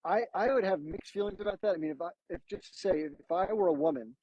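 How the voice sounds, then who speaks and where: A man's voice: high-pitched, quick pace, a loud crowd, low-quality recording. An American man hosting a live stream, asking rambling questions full of restarts. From United States. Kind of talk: casual live-stream conversation.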